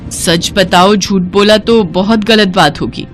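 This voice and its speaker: A woman's voice: medium pitch, measured pace, soft background music, natural voice. A woman playing a stern mother-in-law. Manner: scolding, firm. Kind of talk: cartoon voice acting.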